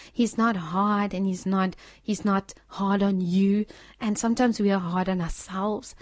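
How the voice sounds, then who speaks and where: A woman's voice: medium pitch, dry recording. A woman giving an informal sermon and sharing a testimony in an earnest way, often restarting her sentences. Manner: earnest, with repeated restarts and soft laughs.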